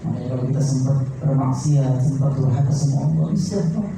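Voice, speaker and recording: Speaking quickly in a mid-range voice, a man delivers a sermon in a mosque, narrating stories with quoted dialogue, reciting Arabic verses, and questioning his audience directly. The room echoes, he sounds far from the mic, and there's noise in the background.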